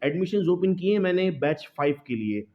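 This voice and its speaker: Slightly high-voiced male teacher. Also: animated. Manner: slows down to read English example sentences word by word; addresses students as "beta". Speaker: English teacher. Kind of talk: video lecture. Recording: slightly dull lo-fi audio.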